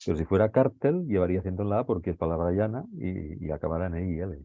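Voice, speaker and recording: A man's voice: deep voice, racing, gravelly, dry recording, narrow, tinny audio. A man teaching a class, walking students through a text and checking often whether they follow. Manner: checks understanding with frequent tag questions.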